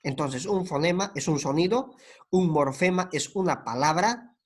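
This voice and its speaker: A male lecturer with a slightly high voice teaches linguistics. He explains patiently, spells out letters one by one, and keeps checking in with tag questions. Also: moderate pace, husky.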